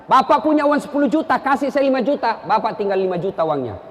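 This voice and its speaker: High-voiced preacher telling jokes in an echoey hall. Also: male voice, quick pace. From South Sulawesi, Indonesia. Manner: storytelling, acting out characters, lively jokes. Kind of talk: humorous sermon. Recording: echoey hall, long reverb.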